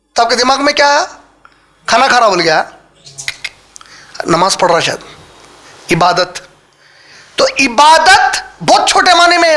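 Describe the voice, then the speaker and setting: A man teaching a live religious class, firing quick questions at his listeners and mixing English words into his talk. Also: very high-pitched, bright, forceful tone. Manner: quizzes the audience with quick questions. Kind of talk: interactive Quran lesson lecture. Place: lecture hall with a live audience.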